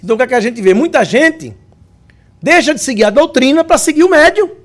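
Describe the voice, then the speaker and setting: A man giving a spiritist lecture, telling lively stories with jokes and speaking directly to the audience. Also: extremely high pitch, fast talker. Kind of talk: humorous lecture anecdote.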